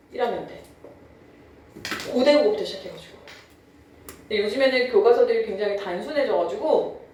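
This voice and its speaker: A woman's voice: a little high, dark tone, very echoey, distant mic, slight background noise, poor audio. A young adult woman teacher giving a classroom lecture, chatty and often checking in with her students. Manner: drawls out words when demonstrating old pronunciation. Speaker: Korean language teacher.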